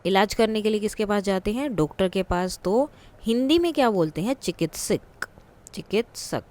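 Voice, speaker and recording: A woman teacher explaining a worksheet in a patient way, repeating words slowly for her students. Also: medium pitch, expressive, a little mellow.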